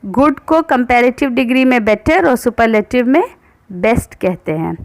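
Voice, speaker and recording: A woman teaching English grammar, reading each rule out slowly and then explaining it in Hindi, asking and answering her own questions. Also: on the high side. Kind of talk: explanatory lesson.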